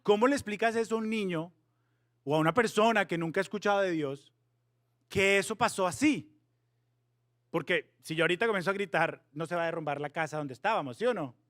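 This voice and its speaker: A man in his thirties preaching a storytelling sermon to a youth group, animated and playful, mixing in English words. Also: sits high, fairly quick, no echo, clean studio sound. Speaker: youth pastor.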